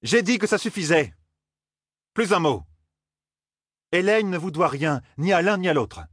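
A man's voice: high voice, animated, measured pace, fairly bright tone, dry recording, studio quality, pitched above the performer's own voice, exaggerated voice. A man voicing a stern older woman, a former wise woman, who scolds and commands sharply in an audiobook. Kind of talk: audiobook character voice.

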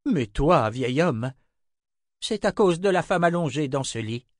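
A blunt, sharp-tongued woman from a fantasy audiobook, as a male reader puts her on, asking short needling questions with a sour edge. The reading runs slow and sits close on a dry mic. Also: fairly high pitch, lively intonation, dry recording.

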